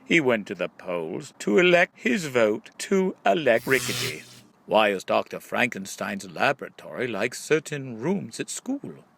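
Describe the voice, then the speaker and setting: Very animated, with vocal fry and a slightly bright, mid-range voice, this man narrates a scripted book of riddles as an audiobook reader. He sets up the questions and drags out the punchlines, question-and-answer style.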